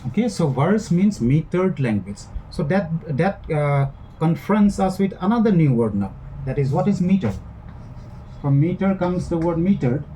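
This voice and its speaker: A male lecturer with an Indian English accent speaks through a recorded lesson in a somewhat high, mellow voice with lively intonation. He explains patiently, repeating and rephrasing points and filling pauses with "uh." The audio is poor, with a faint hiss underneath.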